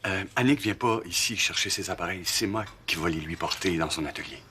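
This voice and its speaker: A man's voice: low voice, a little fast, pushed and bright, a little hiss or hum. An actor playing a busy, slightly flustered appliance repairman. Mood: harried. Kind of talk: TV drama acting.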